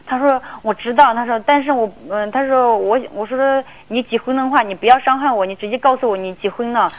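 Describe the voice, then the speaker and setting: A woman's voice: a little high, brisk, poor audio. A woman calling an advice radio show, telling her story in a rambling, emotional way and often repeating herself. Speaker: caller.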